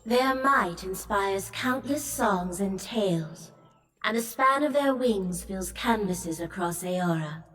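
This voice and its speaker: An actress playing a regal, motherly sky goddess in a fantasy game, speaking in a solemn, lofty, measured goddess voice. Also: mid-range voice, expressive, a bit bright, distant mic. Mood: solemn, challenging. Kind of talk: fantasy video game voice acting. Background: game music.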